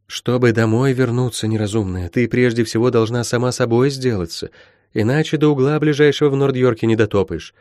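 A man's voice: medium pitch, a little fast, darkish tone, dry recording, studio quality, lightly acted. A man voicing a stern middle-aged woman healer who talks in old-fashioned folksy speech, in an audiobook. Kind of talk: audiobook character voice.

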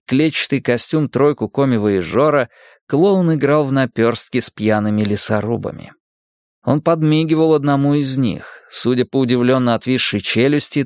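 A man reading a novel aloud as an audiobook narrator, in a measured, steady way. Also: mid-range voice, no room sound, clean studio sound. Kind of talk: scripted narration.

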